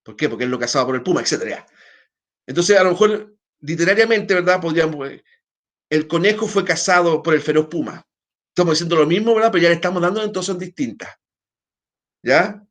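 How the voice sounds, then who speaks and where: Talking fast in a somewhat bright, high voice with lively intonation, this Chilean Spanish speaker lectures online at length. He restarts hesitantly, rambles loosely, and often checks in using tag questions.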